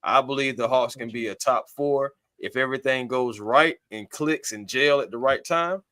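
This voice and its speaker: A man's voice: mid-range voice, normal speed, pushed and bright, no room sound. Guy hosting a sports fan stream over a video call, upbeat, dry and close. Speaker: podcast host. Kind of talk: casual sports talk livestream.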